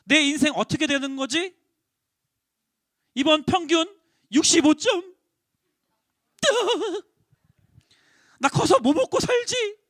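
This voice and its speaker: A man voicing a sulky teenage student who frets over bad test scores, in a high, mocking voice. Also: expressive, takes it slowly, long pauses, fairly bright tone, no room sound, clean studio sound, full character voice.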